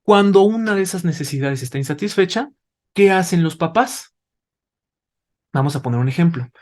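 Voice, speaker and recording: His voice sits high, a little mellow and animated, at an ordinary pace. An invited doctor, he addresses parents in a didactic manner, asking rhetorical questions along the way and adding "¿vale?" to his lines.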